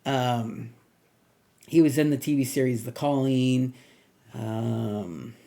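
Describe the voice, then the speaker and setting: A middle-aged man talks through a movie review in a loose, casual way. He wanders and restarts his sentences, with plenty of fillers along the way. His voice is mellow and warm, at an ordinary pitch for a man. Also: slow pace, gravelly. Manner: rambling, many fillers and restarts.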